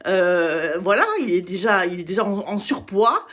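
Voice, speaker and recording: A woman giving an opinionated campaign speech, halting with many hesitations and restarts. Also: medium pitch, a bit bright. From Italian heritage. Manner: blunt, opinionated rant. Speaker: political candidate.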